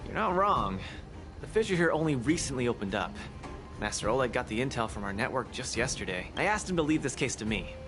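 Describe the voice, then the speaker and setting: An actor playing an eager young male fighter in a game, talking in a showy, energetic way. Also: medium pitch, fairly quick, close to an everyday voice. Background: game music.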